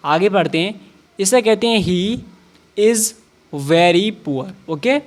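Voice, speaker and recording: Guy teaching english real slow, spells out every letter then says the word. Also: high-pitched, expressive.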